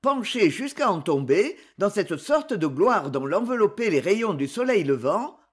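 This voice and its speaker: A narrator reading a swashbuckling adventure novel aloud in a dramatic, expressive storytelling manner. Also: medium pitch, unhurried, breathy edge.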